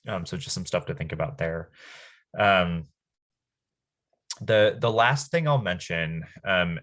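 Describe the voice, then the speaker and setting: A man giving a staff training talk over a video call, earnest, with frequent "um" pauses and restarts. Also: sits low, a bit bright.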